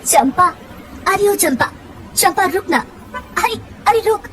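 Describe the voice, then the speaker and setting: A woman's voice: a little high, unhurried, a little mellow, a little hiss or hum, close to an everyday voice, poor audio. A woman voicing a grieving village mother who calls out while crying. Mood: anguished. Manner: crying, calling out.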